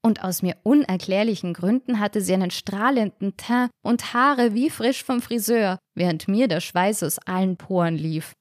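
A woman reading a first-person storybook aloud in a lively, wry way. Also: mid-range voice, moderate pace, few pauses, no echo, clean studio sound. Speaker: audiobook reader.

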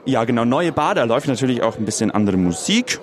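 Deadpan young man, lots of fillers. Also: medium pitch, quick pace, background noise.

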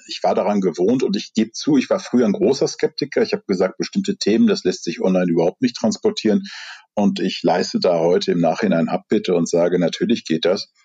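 A man from the Rhineland working as an executive coach, speaking in a measured, reflective and candid way in an interview over a video call. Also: on the low side, warm tone, breathy edge, highs cut off. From Rhineland, Germany.

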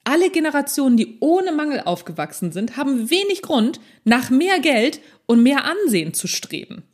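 A woman hosting her own podcast, reading parts of a prepared text and breaking off into chatty, joking asides, with lively stress and changing pace. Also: sits high, moderate pace. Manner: lively, stresses key words, shifts pace often. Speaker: podcast host. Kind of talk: solo podcast talk, half read, half ad-libbed.

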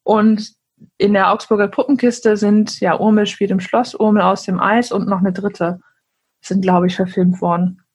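A woman reading a children's book aloud with lively asides to listeners, then chatting casually about it. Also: mid-range voice, moderate pace, breathy edge.

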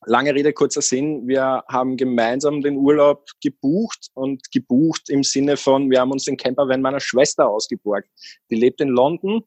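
A man's voice: medium pitch, fairly even intonation, normal speed, a little mellow, breathy edge, dry recording. A man from Austria, a guest in a casual interview, talking in a rambling way with many fillers and restarts.

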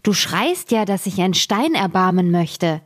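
A pleading fairy-tale frog, voiced by a woman reading aloud, slow and coaxing. He lingers over each word and keeps pressing his wish. The voice sits a touch lower than the woman's own. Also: very animated. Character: pleading male frog at a well.

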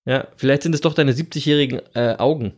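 A man's voice: medium pitch, quick pace, a little mellow. A man in his thirties co-hosting a podcast in casual chat, playful and teasing, laughing often. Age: 30s. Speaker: podcast co-host.

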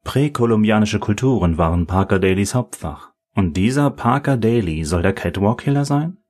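A blunt, impatient woman detective, as a man reads her in an audiobook. The voice stays low and husky. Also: animated, moderate pace, a little mellow.

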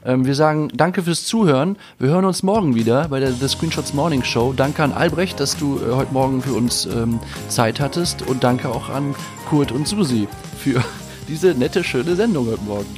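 A man hosting a casual morning show, talking in a halting way with many fillers. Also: medium pitch, lively intonation, over music. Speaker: host.

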